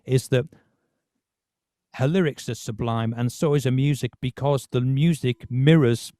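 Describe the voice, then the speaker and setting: A man's voice: mid-range voice, unhurried, mellow, dry recording, clean studio sound. A man hosting a podcast, talking casually about music with many restarts. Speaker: podcast host.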